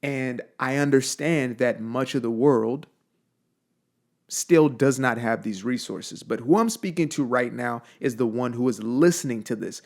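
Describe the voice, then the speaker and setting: A young Zimbabwean man delivers a blunt, emphatic motivational monologue, repeating phrases to drive his points home. His medium-pitched voice is unhurried and creaky, with a somewhat dark tone.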